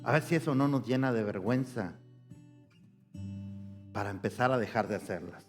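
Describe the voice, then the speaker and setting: A man, a pastor preaching a sermon, asking questions of the congregation, rising high and loud for emphasis and dropping low and quiet. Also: normal speed. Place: church sanctuary. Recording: long church reverb with soft guitar.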